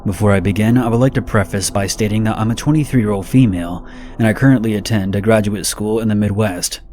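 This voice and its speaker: A man narrating a scripted horror story in a steady, measured reading. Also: lowish voice, faint music behind.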